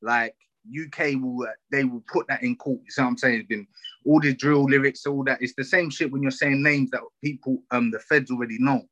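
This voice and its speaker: A man with a London accent giving opinions in a casual discussion, forceful and slangy, often checking that he is being followed. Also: mid-range voice, fairly even intonation, a little fast, no echo, muffled recording.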